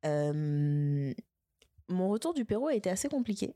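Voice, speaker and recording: A woman in her twenties from French Guiana, a podcast guest chatting casually, hesitant with many fillers and quick to laugh and tease. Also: lowish voice, sing-song, warm tone. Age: 20s. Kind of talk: casual interview chat.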